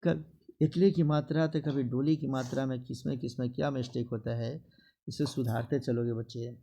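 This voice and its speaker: A man teaching a classroom spelling lesson, slowly drilling words and repeating them for his students, with a Bihari Hindi accent. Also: mid-range voice, steady tone, creaky, warm tone.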